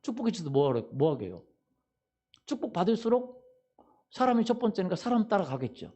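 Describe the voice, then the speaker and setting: A man's voice: high-pitched, big pitch swings, a little fast, warm tone, husky. A male pastor giving a Sunday sermon, quizzing the congregation with fill-in questions and repeating "hallelujah" and "right?". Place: church sanctuary.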